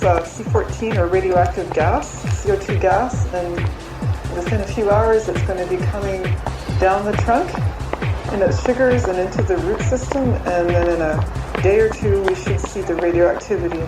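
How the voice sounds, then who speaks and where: A woman's voice: mid-range voice, normal speed. A woman researcher explaining her forest fieldwork for a documentary. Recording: loud music bed, roomy sound. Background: loud music.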